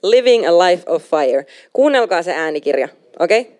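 A young adult woman preaching a sermon, emphatic and animated, slipping in English phrases now and then. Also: on the low side.

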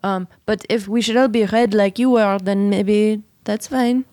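A woman's voice: medium pitch, fairly even intonation, a little slow, warm tone, no room sound. A woman playing a tabletop game, casual and tentative, asking questions in character. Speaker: player. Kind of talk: casual tabletop role-play.

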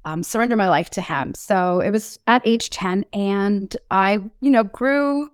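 Appearing as an interview guest, a middle-aged Newfoundland podcast host tells her personal testimony a little slowly, in a smooth, medium-pitched voice. The studio-quality recording carries no room sound.

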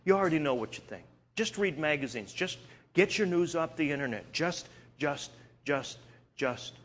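A man from Eastern Canada preaching a sermon, telling stories in an animated way and often restarting his sentences. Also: on the high side, moderate pace. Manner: animated storytelling with frequent restarts.

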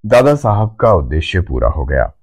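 Male narrator, deep, lively intonation, unhurried. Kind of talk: scripted storybook narration.

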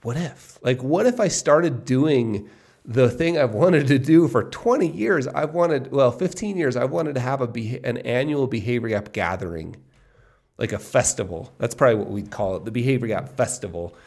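A man in his fifties hosting his own podcast, musing aloud in an excited, casual solo monologue and often repeating himself. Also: mid-range voice, normal speed, gravelly. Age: 50s. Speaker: podcast host.

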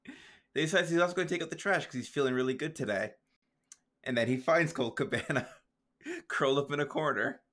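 A man's voice: a little high, a little fast, pauses often, fairly bright tone. A man co-hosting a podcast, chatting casually with easygoing dry asides and frequent laughs. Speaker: podcast co-host. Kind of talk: casual chat recapping a show.

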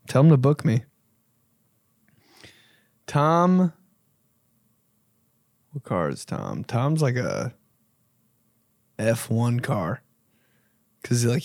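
Gravelly young man, laid-back podcast chat. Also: medium pitch, a little mellow, dry recording, clean studio sound. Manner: laid-back, profane, rambling. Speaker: podcast host.

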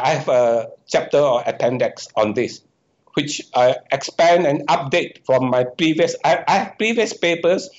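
A man's voice: fairly high pitch, darkish tone. A man, an economics professor, answering interview questions and explaining his ideas step by step, often breaking off and correcting himself. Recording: dull, muffled lo-fi audio.

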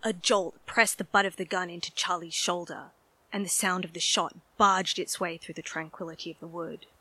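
A woman's voice: on the low side, steady tone, normal speed, pushed and bright, slight background noise. A woman narrating a scripted horror story in a dramatic storytelling style.

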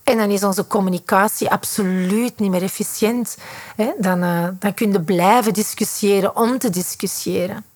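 A woman's voice: medium pitch, fairly even intonation, normal speed, a little mellow. A woman with a Flemish accent, a psychotherapist explaining in a podcast monologue, who acts out short quoted reactions as she goes.

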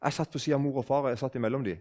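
A man in his sixties from southern Norway, telling a story in a conversational way, often restarting his sentences. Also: mid-range voice. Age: 60s. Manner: animated, restarts sentences, acts out quoted speech. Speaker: speaker on faith.

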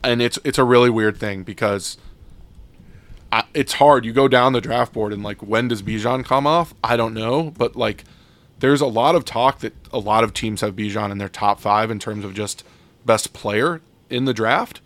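A man's voice: fairly low pitch, normal speed, a bit bright, dry recording. A man co-hosting a sports podcast, talking casually and loosely with many fillers and restarts. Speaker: podcast co-host.

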